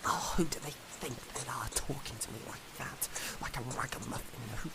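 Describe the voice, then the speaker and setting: A woman's voice: extremely low pitch, normal speed, heavy background noise. A woman playing young Mozart in an audio drama as a lost, freezing man who mutters, groans and grumbles in whispers. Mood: miserable, shivering.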